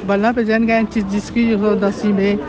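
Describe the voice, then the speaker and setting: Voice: medium pitch, level tone, fast talker, a crowd in the background. Someone rambling through an account in a street interview. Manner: rambling, repetitive telling. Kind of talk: street interview recounting events. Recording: dull outdoor street recording.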